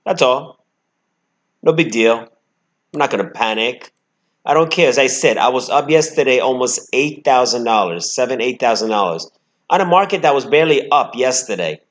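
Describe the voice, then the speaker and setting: A man hosting a trading channel, giving live, brash commentary on his stock trades, swinging between emphatic outbursts and muttered asides. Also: mid-range voice.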